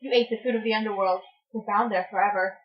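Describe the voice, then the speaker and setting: A fierce mother goddess of the earth, put on by a woman speaks with forceful, anguished weight. The dramatic story reading is heard from a distance from the mic, in a dull, lo-fi recording. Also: mid-range voice, steady tone, fast talker, close to an everyday voice. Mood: grave.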